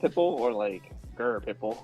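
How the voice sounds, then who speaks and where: A man's voice: fairly low pitch, steady tone, moderate pace, a little mellow, breathy edge, soft background music. A man co-hosting a boxing podcast, joking and telling side stories in casual chat. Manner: joking, storytelling asides. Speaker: podcast co-host.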